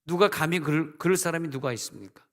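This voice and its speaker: Speaking fast in a slightly high voice, a middle-aged senior pastor preaches from a church sanctuary. He punctuates the sermon with emphatic rises and casual asides. The recording carries a long church hall echo.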